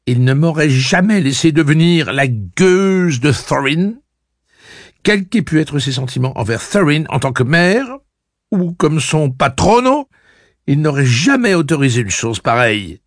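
Suzanne, a man doing a shrill furious young woman. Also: animated, a little slow, no echo, clean studio sound. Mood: raging. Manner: shrill, raging, accusing.

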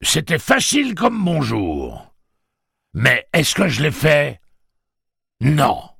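A menacing old pirate sneers out coarse taunts in a raised, gravelly voice, as a man puts him on. He swoops up and down as he gloats, gleeful and crude. It sounds like a storybook reading. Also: a little high, wildly swooping pitch, slow, fairly bright tone, no room sound, clean studio sound, pitched above the performer's own voice, full character voice. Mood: taunting.

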